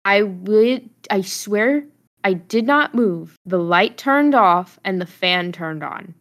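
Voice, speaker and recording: A woman's voice: medium pitch, expressive, slow pace, a bit bright. A young woman co-hosting a podcast, asking questions and reacting in casual chat. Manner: reactive, asks questions, easy laughs. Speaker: podcast co-host listening and reacting.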